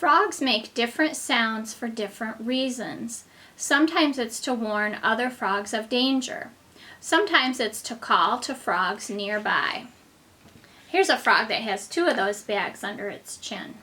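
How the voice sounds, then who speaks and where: A woman's voice: fairly high pitch, unhurried, pushed and bright. A woman reading a children's book aloud as a teacher to very young children, with simple explanations, questions and asides, as if reading to a toddler. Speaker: kindergarten teacher.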